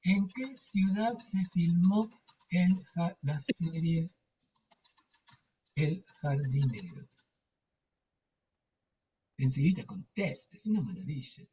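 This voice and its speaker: A man's voice: a little high, animated, takes it slowly, long pauses, mellow, recorded from a distance, highs cut off, a little hiss or hum. A man, chatting casually with a group, rambling and searching for words. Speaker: lecturer.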